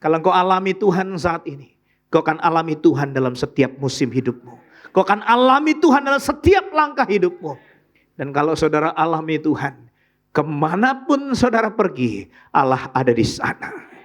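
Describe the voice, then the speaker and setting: A man preaching a sermon in church as pastor, telling humorous stories with sudden loud outbursts and quiet asides. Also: a little high, big pitch swings, moderate pace. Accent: Indonesian.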